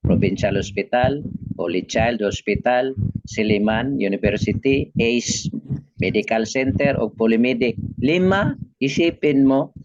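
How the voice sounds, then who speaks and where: Filipino preacher, middle pitch, call-and-response delivery, muffled noisy recording. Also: male voice, measured pace, darkish tone. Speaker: pastor. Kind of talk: sermon. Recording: dull lo-fi recording with background noise.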